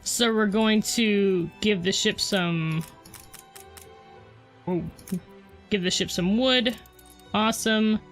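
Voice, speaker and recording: A woman's voice: medium pitch, takes it slowly, long pauses, faint music behind. A woman hosting a let's play, chatting casually to her viewers and teasing herself about her mistakes. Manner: chatty, self-deprecating, talks to viewers. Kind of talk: casual gameplay commentary.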